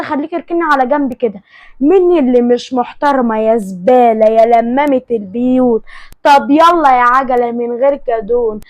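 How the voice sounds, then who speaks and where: A woman's voice: sits high, dry recording, voice pushed up, lightly acted. Woman voicing a spoiled hot-tempered young woman. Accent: Egyptian Arabic. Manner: sharp, insulting, then tearful.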